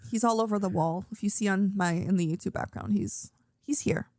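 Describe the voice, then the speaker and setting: A woman's voice: medium pitch, fast, a little mellow, no echo, studio quality. A young woman co-hosting a casual podcast chat, bubbly and giggly, peppering her talk with "like". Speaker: podcast co-host.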